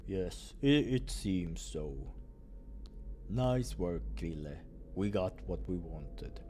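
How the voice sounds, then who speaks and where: A big, protective beast doctor from a visual novel, played by a man. His voice sits low and takes its time, hushed and soothing, as he calmly looks after others. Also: slight background noise. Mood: quietly pleased. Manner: slow, hushed, soothing delivery. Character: large gentle male beast doctor, calm and protective.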